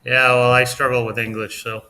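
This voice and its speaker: A man co-hosting a casual livestream chat from his home, talkative and quick to laugh. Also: medium pitch, level tone, pushed and bright. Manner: chatty, laughs often. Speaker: livestream co-host. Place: home in Mexico.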